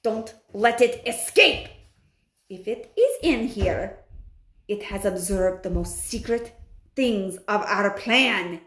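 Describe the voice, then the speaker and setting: A woman voicing a cruel, domineering female witch leader who shouts her commands, recorded in an echoey room. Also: mid-range voice, lively intonation, slow. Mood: furious.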